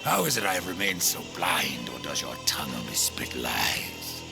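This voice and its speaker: A grim pale rider of death from a fantasy video game, with an extremely deep, gravelly delivery. He is terse, stern and brooding, over prominent music. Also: wildly swooping pitch, normal speed, full character voice. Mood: suspicious. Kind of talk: video game cutscene acting. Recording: loud music under the voice.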